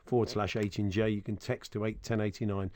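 A man's voice: lowish voice, little pitch movement, fairly quick, darkish tone, no room sound. A man hosting a casual sports radio show, telling rambling, jokey anecdotes into a close studio microphone.

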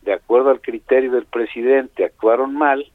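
A man's voice: medium pitch, steady tone, normal speed, no echo. A man with a Mexican accent, an ambassador giving his view as a phone guest, speaking hesitantly with many fillers. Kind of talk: phone interview commentary. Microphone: telephone. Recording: tinny phone line.

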